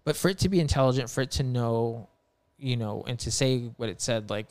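A man's voice: mid-range voice, a little fast, no echo. Rambling, swearing man in casual chat. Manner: rambling, profane, lots of filler words; earnest and emphatic. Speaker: podcast guest telling a paranormal story.

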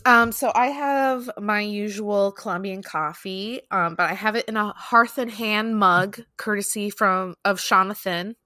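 A woman's voice: mid-range voice, steady tone, measured pace, few pauses, sharp tone, no room sound, clean studio sound. A young woman co-hosting a casual podcast chat, playful and blunt, laughing often. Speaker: podcast co-host.

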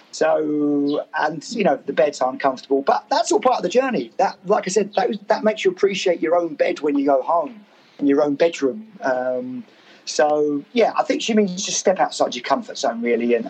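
Man, croaky voice, hesitant with ums, a bit high-pitched, podcast guest. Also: a little mellow, rough recording. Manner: hesitant, many ums and repeated words. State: croaky voice after a gig. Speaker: guest, author and working musician. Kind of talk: conversational podcast interview.

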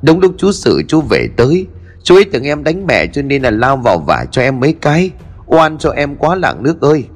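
A man's voice: mid-range voice, very animated, fairly quick, voice pushed up. A man voicing a scheming young woman who shrieks abuse and then wails falsely, in a narrated ghost story. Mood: wailing. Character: scheming shrill young woman, daughter-in-law.

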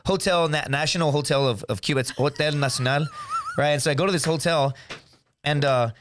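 A man in his thirties, a comedian guest on a podcast, telling stories in casual chat, animated and swearing, saying dude a lot. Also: fairly high pitch, quick pace, slight background noise. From United States.

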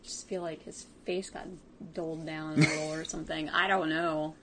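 Wry low-voiced woman co-host. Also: level tone, moderate pace, background noise. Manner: wry, laid-back, teasing. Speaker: podcast co-host. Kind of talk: casual comedic chat.

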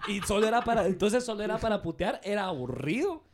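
Animated laughing guy, high voice. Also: fast, background noise. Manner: animated, laughing, acts out callers in loud put-on voices. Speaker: podcast co-host. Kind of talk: casual storytelling chat.

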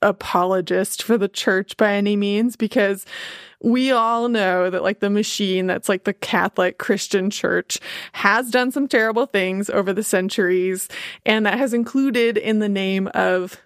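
A woman's voice: mid-range voice, fairly even intonation, measured pace, no echo, studio quality. A woman with a Midwestern accent hosting a casual podcast chat, talking with lots of "like" fillers and frequent laughs. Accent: Midwestern American. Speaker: podcast host.

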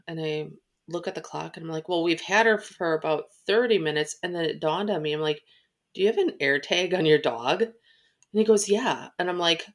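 A female podcast co-host who works as an animal control officer speaks in a low voice as a chatty storyteller. In this casual podcast chat, she retells conversations using quoted lines.

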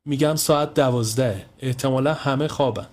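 A man voicing a scared, jumpy boy in a storybook, pitched well above the reader's own voice, talking fast and nervous with a hushed edge. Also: close to an everyday voice. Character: timid, frightened boy.

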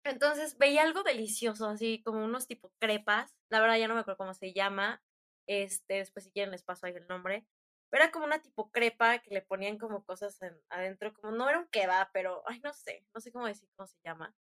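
A woman's voice: mid-range voice, quick pace, fairly bright tone. A young woman with a Mexican Spanish accent, chatting casually and rambling through a story with slangy fillers.

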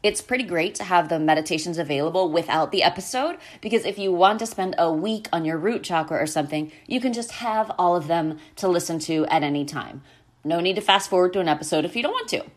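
A woman's voice: fairly low pitch, fast. A woman hosting a podcast, talking in a conversational way straight to her listeners. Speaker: podcast host.

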